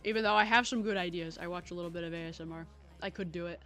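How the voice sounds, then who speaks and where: Bright, giggly young woman streamer. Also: lowish voice, fairly even intonation, racing, soft background music. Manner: playful, giggly, chatting to viewers while eating. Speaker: livestream host. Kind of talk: casual livestream chat.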